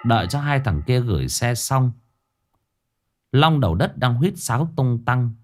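A man narrating a ghost story in an expressive storytelling manner. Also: mid-range voice, a little slow.

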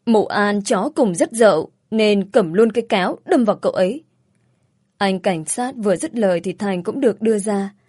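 Woman narrator, first-person audiobook story, earnest and emotional, medium pitch, dry close sound. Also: lively intonation, normal speed, a little mellow, breathy edge, no echo.

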